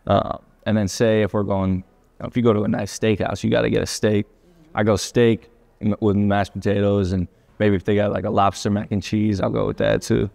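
A young man, a college athlete, answers interview questions over dinner in an easygoing way. His voice sits a little low for a man, and he often restarts and repeats words as he thinks. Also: little pitch movement, moderate pace, gravelly, a little mellow. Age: young adult. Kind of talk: casual interview chat. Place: indoors at a dinner table.

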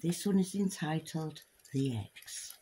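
A woman with a fairly low voice reads a parody picture book aloud as a bedtime story. Her delivery is dry and deadpan. A faint hiss of noise sits under her voice. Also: slow, poor audio. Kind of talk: comic bedtime story reading.

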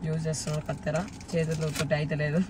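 Man, teasing sidekick, rapid banter, noisy background. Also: a little high, monotone. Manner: joking, teasing. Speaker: co-host friend. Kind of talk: casual banter.

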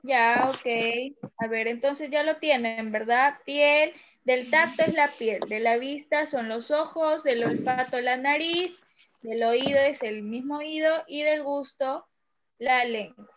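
A woman's voice: sits high, slow pace, noisy background. A woman with a Peruvian Spanish accent teaching young children in an online class, patiently going over an exam and checking in often. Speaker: primary school teacher. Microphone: video call.

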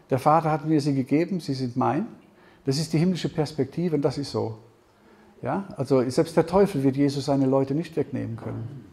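A man giving a conversational Bible seminar talk, often checking in with the audience with a quick "ja?". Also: fairly high pitch, dark tone. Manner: conversational, keeps asking "ja?". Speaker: Bible teacher. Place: seminar hall with audience questions.

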